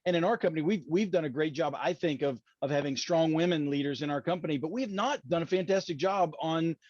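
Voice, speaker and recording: A man's voice: a little high, fast, a little mellow, no room sound. A man from West Virginia with an Appalachian accent, hosting a conversational interview in a rambling, folksy, self-correcting way. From West Virginia, USA. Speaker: podcast host. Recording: dull, muffled lo-fi audio.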